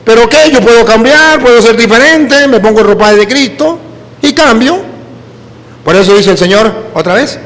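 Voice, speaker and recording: Venezuelan priest preaching, high voice, tells stories and does everyone's lines, echoey hall. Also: male voice, normal speed. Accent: Venezuelan Spanish. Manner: lively, storytelling, mimics people he quotes. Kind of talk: sermon with personal stories.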